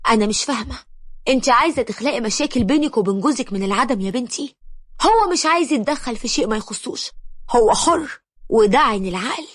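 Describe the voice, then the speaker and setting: A woman's voice: fairly high pitch, expressive, fast talker, dry recording, clean studio sound. A woman voicing an exasperated mother lecturing her grown daughter, with an Egyptian accent. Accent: Egyptian Arabic.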